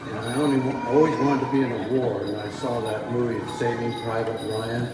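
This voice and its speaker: A man's voice: mid-range voice, steady tone, fairly quick, heavy background noise. A man in his eighties, a Navy veteran, introducing himself informally to a gathering. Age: 80s. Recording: distant, very echoey hall, loud music behind.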